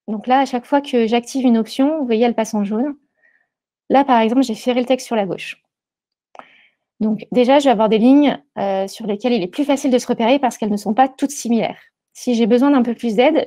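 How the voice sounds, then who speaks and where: Mellow, hesitant woman presenting a webinar. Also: fairly high pitch. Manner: hesitant, many fillers and restarts. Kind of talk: live webinar screen-share demo. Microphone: earpiece headset.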